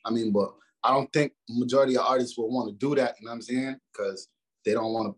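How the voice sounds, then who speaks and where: A rapper in his twenties, appearing as an interview guest, talks fast in a mid-range voice with a breathy edge and fairly even intonation. He's casual, loose and slangy, filling his speech with fillers and restarts.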